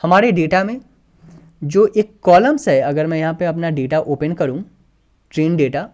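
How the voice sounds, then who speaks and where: This tutorial instructor is a man whose fairly high, darkish voice moves at a moderate pace. Recording his screen for a coding lesson, he explains every step with patience, voices the code while typing it, and drops English terms into what he says.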